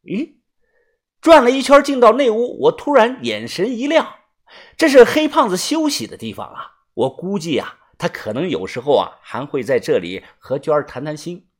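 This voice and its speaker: Male audiobook narrator, first person, husky, lively pitch, chatty. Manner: chatty, relaxed, drawn-out filler syllables.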